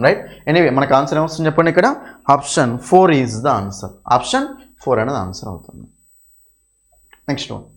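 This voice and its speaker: High-voiced man teaching. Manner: repeats points, quizzes the class with frequent checks. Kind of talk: exam revision lecture.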